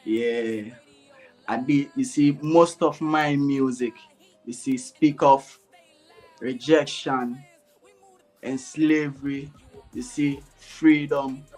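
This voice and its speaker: Joining by remote video call, a young Ghanaian dancehall artist speaks as an interview guest in a Ghanaian accent mixed with Jamaican patois, repeatedly asking himself "what?" and answering, with "you know" throughout. His medium-pitched, slightly mellow voice is fairly even and slow, with long pauses and faint music behind.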